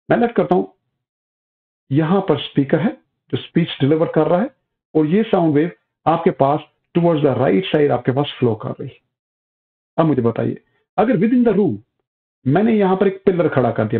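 A man's voice: on the high side, vocal fry. Man lecturing physics over tinny audio. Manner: explains step by step, asks and answers his own questions; addresses students as "beta". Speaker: physics teacher. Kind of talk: classroom lecture.

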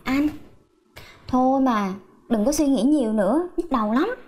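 Sweet coaxing young wife. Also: female voice, high-pitched, lively intonation, moderate pace, a little mellow. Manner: sweet, wheedling.

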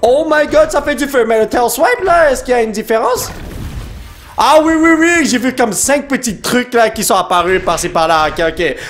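A man narrates his gameplay in a high, bouncing voice that swings wildly up and down. He is excitable, breaking into shouts and English slang. Faint game music plays underneath. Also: moderate pace. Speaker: gaming YouTuber. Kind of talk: live gameplay commentary.

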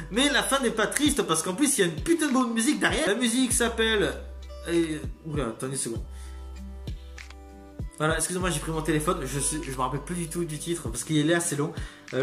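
Excitable male reviewer who rambles and curses, recorded in a roomy space with soft music under him. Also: high voice. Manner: rambling, excitable, swears freely. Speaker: video critic. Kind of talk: casual spoken review. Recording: roomy echo, faint music behind.

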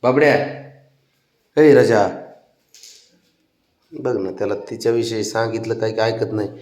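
A man's voice: on the low side, unhurried, a little mellow, echoey room. A man talking casually to his pet cat, coaxing and teasing it with cooing nicknames. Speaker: cat owner.

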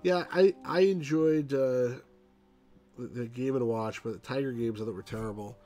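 A middle-aged man hosts a let's play with casual commentary. His voice sits at an average pitch, recorded in a room at home. Game music plays faintly behind him. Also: normal speed, mellow. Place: small room at home, indoors.

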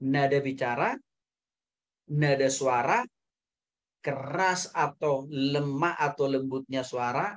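Speaking to a Bible school class, this male pastor is lively, alternating booming emphasis with quiet, low-pitched asides. Quick tags like "ya" and "saudara" punctuate his lines.

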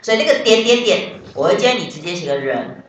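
A woman's voice: mid-range voice, lively intonation, fast talker, highs cut off. A woman English teacher, explaining vocabulary step by step and quizzing her students in class. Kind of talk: classroom lesson. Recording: very echoey classroom, voice from far off.

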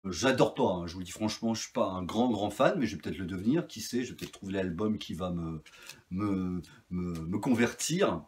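Brief: male record collector, lowish voice, chatty, meandering, lots of hesitations. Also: expressive, brisk, darkish tone. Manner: chatty, rambling, many fillers and restarts. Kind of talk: casual vinyl haul review.

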